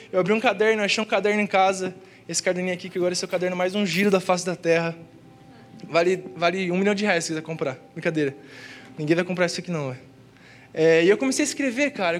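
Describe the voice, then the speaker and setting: A young man with a Brazilian accent preaches in a high voice. He tells a personal testimony in a slangy, earnest way. He is speaking in a church. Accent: Brazilian Portuguese. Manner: slangy and earnest, peppered with "cara" and "velho". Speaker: youth preacher. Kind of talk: casual testimony sermon.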